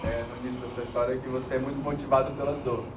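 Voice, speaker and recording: A man asking a longer question hesitantly, with many filler pauses. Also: mid-range voice, level tone, a crowd in the background. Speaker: course participant asking questions. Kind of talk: casual questions. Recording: roomy, distant, noisy classroom.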